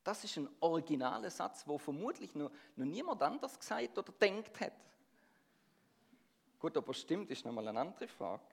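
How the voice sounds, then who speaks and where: With a fairly high, creaky voice that swings widely in pitch, a middle-aged preacher speaks at normal speed. He comes from near Stuttgart, and his Swabian accent carries a Swiss German tinge. He draws the congregation in by asking them questions.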